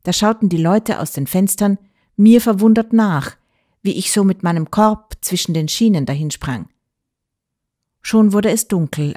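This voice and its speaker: A woman reading an audiobook aloud in measured, even storytelling. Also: lowish voice. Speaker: audiobook reader. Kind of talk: scripted audiobook narration.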